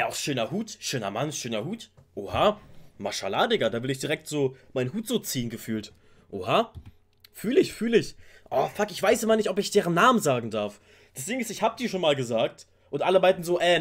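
Lively, excitable man reacting to music. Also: on the high side, brisk, husky. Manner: excited, slangy street talk, hums melodies along. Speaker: YouTuber reacting to a music video. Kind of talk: casual reaction commentary. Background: rap music playing faintly.

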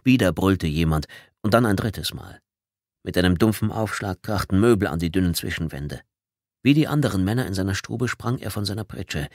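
A male reader tells the story in a low, even voice with a measured, dramatic pull. It is a clean studio audiobook recording, very dry and close to the microphone. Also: no room sound. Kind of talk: scripted audiobook narration.

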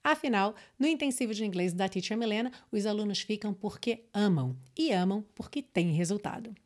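A woman from Brazil, an English teacher, who explains pronunciation step by step and repeats lines slowly and clearly. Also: mid-range voice, lively intonation. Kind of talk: online English lesson with course promotion.

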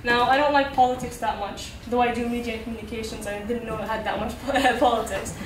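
A woman's voice: fairly high pitch, steady tone, fast, background noise. A young woman from Qatar performing spoken word poetry at an open mic in a small cafe, chatting before she recites in a rhythmic, repeating cadence. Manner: conversational intro, then rhythmic repeated-line recitation. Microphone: handheld mic, filmed by a far camera. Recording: roomy, distant camera recording.

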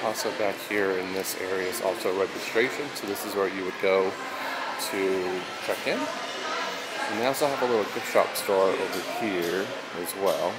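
A man narrating a casual walking tour as he moves through a casino, relaxed, with fillers and loose phrasing. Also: deep voice, normal speed, very noisy. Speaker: tour guide vlogger. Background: loud casino music.

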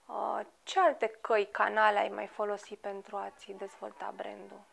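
Gravelly-voiced woman interview host. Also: mid-range voice, little pitch movement, fairly bright tone, slight background noise.

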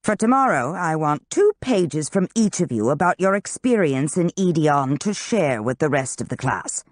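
An audiobook narrator voicing a stern, sardonic male wizard master who walks with canes, raising the pitch for his lines. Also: big pitch swings, moderate pace, no room sound, studio quality, lightly acted. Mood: scolding. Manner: cutting, scolding.

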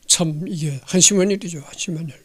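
Chatty older man lecturing, higher voice. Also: fast talker, a bit bright, slightly rough. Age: 60s. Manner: chatty, digressive, asks rhetorical questions. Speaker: history channel host. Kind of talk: casual lecture reading and commenting on a text. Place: indoor home studio. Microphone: handheld microphone.

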